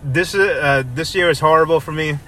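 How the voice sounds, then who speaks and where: A young man in his twenties chats loosely on a podcast, his tone bright and forward. He rambles, circling back with fillers and restarts. A faint hiss of noise sits behind him. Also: a little high, normal speed. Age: 20s. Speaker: podcast co-host. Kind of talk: casual chat.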